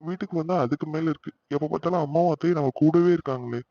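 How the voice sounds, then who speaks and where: A man voicing a young husband just home from hospital in a cartoon, reassuring but quickly exasperated by fuss. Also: a little high, vocal fry, warm tone. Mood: grumbling. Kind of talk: cartoon voice acting. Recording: dull lo-fi recording.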